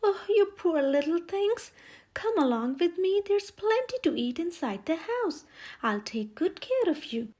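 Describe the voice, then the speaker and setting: A wicked old witch from a children's fairy tale, acted out by a woman storyteller. The voice is raised high and pushed loud. She is sly, bossy and menacing, ordering and coaxing as she schemes. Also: big pitch swings, measured pace, full character voice. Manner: commanding, scolding, falsely sweet when coaxing.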